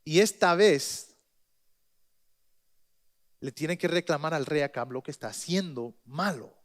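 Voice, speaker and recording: Male pastor, high voice, lively storytelling sermon. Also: a little slow. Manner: lively storytelling with joking asides.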